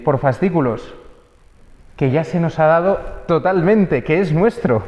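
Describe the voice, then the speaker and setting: Priest, lively homily, higher-pitched voice, long church reverb. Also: male voice, lo-fi sound. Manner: lively storytelling, acting out quoted voices. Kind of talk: sermon. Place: church during mass.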